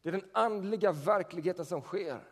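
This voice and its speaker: A male pastor with a fairly high voice, speaking through a microphone in a church sanctuary where the sound hangs in a long reverb. He preaches in a conversational way, stopping to ask the listeners questions and then answering them. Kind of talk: sermon.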